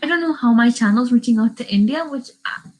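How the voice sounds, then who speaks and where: This Northern Irish teen YouTuber talks casually on a livestream, wandering between topics and taking questions from chat. Her voice is slightly high and a bit fast, recorded on a webcam with background noise.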